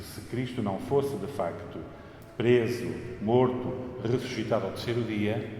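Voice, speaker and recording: A man's voice: fairly low pitch, darkish tone. Portuguese guy giving an emphatic sermon, huge cathedral echo, bit of noise behind. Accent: European Portuguese. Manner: emphatic, repeats phrases for stress. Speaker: preacher. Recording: cathedral-like echo, long reverb, faint noise.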